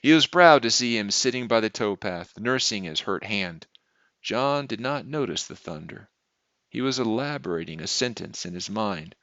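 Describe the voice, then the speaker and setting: Smooth low-voiced man narrating a story. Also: lively intonation, moderate pace, fairly bright tone, no room sound, dull audio. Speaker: audiobook reader.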